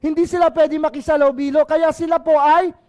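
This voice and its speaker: A man's voice: very high voice, level tone, a little fast, darkish tone. A male pastor from the Philippines with a Filipino accent, preaching an impassioned sermon and often asking the congregation for an amen.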